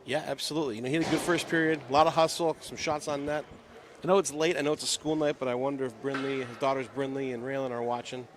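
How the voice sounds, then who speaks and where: Man, casual hockey color commentary, mid-pitched voice, noisy rink broadcast audio. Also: steady tone, fast talker. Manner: chatty and easygoing, banters with his partner.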